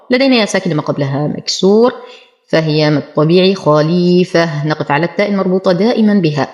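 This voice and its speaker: A woman with a fairly low voice teaches Quran recitation step by step. She explains each pronunciation rule at a brisk clip, then recites the words slowly and carefully. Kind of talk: tajweed lesson with slow recited examples.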